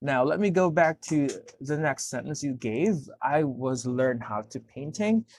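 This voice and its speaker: A man's voice: mid-range voice, expressive, measured pace, darkish tone. A man tutoring English one-to-one, explaining corrections step by step and checking understanding with "okay?". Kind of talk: one-to-one speaking lesson.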